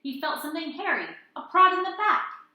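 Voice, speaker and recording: A woman teacher reading a story aloud and chatting to young children in an expressive way. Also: very high-pitched, normal speed. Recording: roomy indoor echo.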